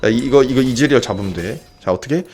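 A young man streaming a video game, giving excited casual commentary, often yelling and swearing during fights. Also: mid-range voice, quick pace, slight background noise. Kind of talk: excited live gameplay commentary.

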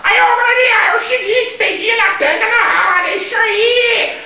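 A man playing a brash, indignant comic radio host, shouting crude, mocking rants. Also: extremely high pitch, normal speed, a little hiss or hum, heavily acted. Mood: ranting. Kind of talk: comic rant. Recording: very echoey room, voice far from mic.

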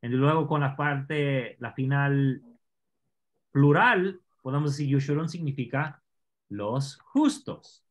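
A man teaching an online scripture class, explaining Hebrew words slowly and asking his students questions. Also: medium pitch, animated.

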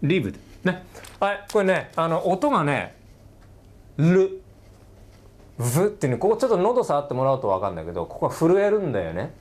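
A middle-aged man giving a casual recorded lecture as a teacher, often checking in with the student and slowly sounding words out again and again. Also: on the high side, very animated, slight background noise. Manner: sounds words out slowly, stretching and repeating them. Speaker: English teacher.

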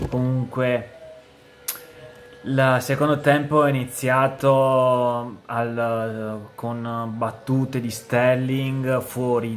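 A man giving a casual football match analysis, speaking haltingly and hesitantly with long pauses. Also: medium pitch. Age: 20s. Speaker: amateur football commentator. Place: indoors, room with bookshelves. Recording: clear background noise.

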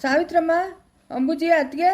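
A woman's voice: very high-pitched, fairly even intonation, normal speed, darkish tone. A woman acting a bossy family elder in a family skit, hurrying everyone along, with a Chikkaballapura Kannada accent.

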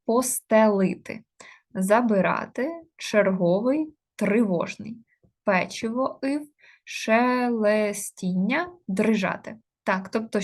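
Woman teaching a grammar lesson. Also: medium pitch. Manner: explains step by step, slows to spell out example words, many "е" fillers.

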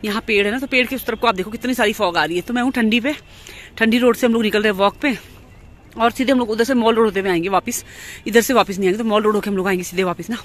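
A woman's voice: medium pitch, racing. A woman chatting to her viewers as she walks a foggy lakeside road, filming on a handheld phone. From Uttarakhand, India. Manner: chatty, keeps addressing viewers as friends. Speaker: vlogger. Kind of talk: casual walking vlog narration. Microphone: handheld phone while walking.

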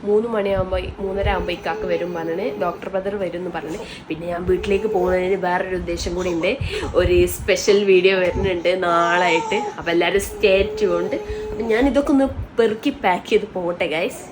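A woman's voice: steady tone, fast talker. A young woman, chatting casually to her viewers while packing up at home and riding in a car. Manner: chatty, addresses viewers directly, turns to high sing-song baby talk with her child. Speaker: vlogger. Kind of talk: casual vlog narration. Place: home and then a car on city roads. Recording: noisy phone video with background hum.

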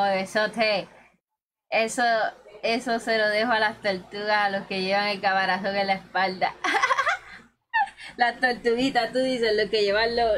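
A woman's voice: mid-range voice, fairly bright tone, a little hiss or hum. A woman, chatting and teasing her teammates and viewers while streaming a game. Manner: chatty and teasing, calls viewers "corillo" and "bebesote". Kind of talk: casual gaming livestream chat.

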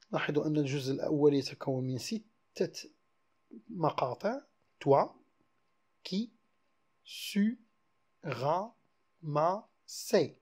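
A man's voice: on the high side, a little mellow, slightly rough. A male teacher with a Moroccan accent giving a lecture on French verse, switching between French and Moroccan Arabic and spelling out verses syllable by syllable. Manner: explains slowly, then spells out verses syllable by syllable.

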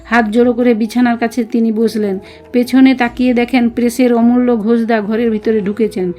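A woman narrating devotional stories in a measured, reverent reading. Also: fairly high pitch, flat delivery, dark tone, faint music behind.

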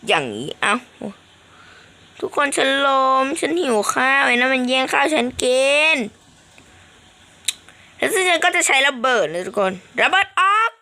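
Young woman streamer, bright and bouncy, playful game commentary, high and lively. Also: normal speed, long pauses. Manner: animated, squealing exclamations, playful. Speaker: gaming streamer.

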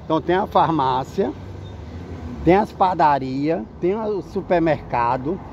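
A man's voice: fairly high pitch, expressive, a little slow, darkish tone, muffled recording. A man giving a casual, exclamatory city tour, tagging his phrases with "ó". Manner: exclamatory, constantly tags phrases with "ó". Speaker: vlogger touring neighborhoods. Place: outdoors on city streets. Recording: noisy street recording with dogs and traffic. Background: barking dogs and passing vehicles.

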